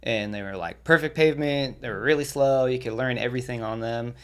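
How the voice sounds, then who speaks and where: On a podcast, a young male guest spins easygoing stories packed with cursing and laughter. His voice is mid-range and he talks fairly quickly.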